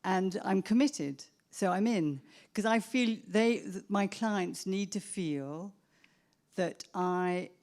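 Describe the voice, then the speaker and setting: A woman psychotherapist answering an audience question, reflective and measured, often restarting her sentences. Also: mid-range voice, a little mellow. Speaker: psychotherapist speaker. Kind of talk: Q&A answer at a professional event.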